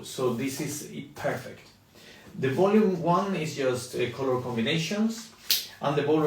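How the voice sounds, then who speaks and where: A middle-aged man from Spain, chatting casually and haltingly on a live stream, with many ums and restarts. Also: mid-range voice, vocal fry, a little mellow, slight background noise. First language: Spanish. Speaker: toy designer on a live stream. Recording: echoey room, mic at a distance.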